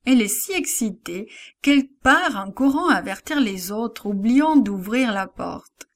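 A woman narrating a children's Bible lesson, speaking slowly and expressively and dropping to a hush at times. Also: on the high side. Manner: slow and expressive, with hushed asides.

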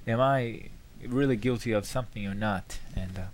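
A man's voice: on the low side, normal speed, slight background noise. Man from Brazil asking questions aloud. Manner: questioning, searching for words. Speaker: theology student guest. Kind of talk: casual discussion.

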